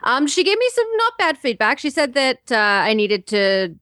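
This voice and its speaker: A woman's voice: sits high, sing-song, normal speed, bright, forceful tone, no room sound. Young woman, from Canada, guest voice actor, hesitant, reflective, dry close sound. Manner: hesitant, self-reflective, laughs often.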